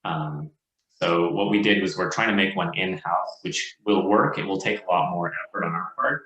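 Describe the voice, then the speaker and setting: Low voiced guy on a choppy video call, sound keeps dropping in and out, echoey room, lots of ums. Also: a bit bright. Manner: halting, many fillers. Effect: video call audio cutting in and out. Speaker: manager giving a report at a board meeting. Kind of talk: meeting report. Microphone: computer on a video call.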